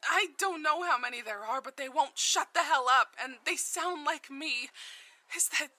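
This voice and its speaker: Bright, anguished, haunted mother played by a woman. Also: mid-range voice, no echo. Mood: agitated, angry. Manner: halting, emotionally fraught. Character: anguished, guilt-ridden mother haunted by voices. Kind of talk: audio drama acting.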